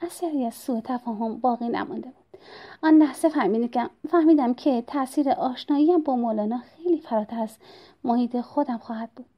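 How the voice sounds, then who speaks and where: A woman reading a novel aloud as an audiobook narrator, telling the story steadily in first person. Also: a little high. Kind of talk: scripted narration. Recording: dull lo-fi recording.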